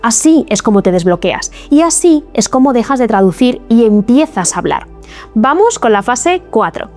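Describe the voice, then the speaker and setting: A woman giving a scripted video lesson as an English teacher, explaining each step clearly and encouragingly. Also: on the high side, sing-song, moderate pace, darkish tone, faint music behind.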